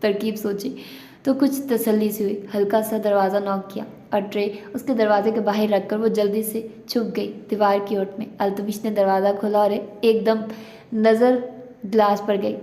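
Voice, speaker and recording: Female audiobook narrator, steady and even, mellow, echoey room. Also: mid-range voice.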